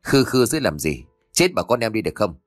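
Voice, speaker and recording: A man's voice: fairly low pitch, big pitch swings, a little fast, no echo, clean studio sound, faint music behind. A man reading an audiobook, voicing a greedy, cruel young adult son who snarls with contempt. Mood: cajoling.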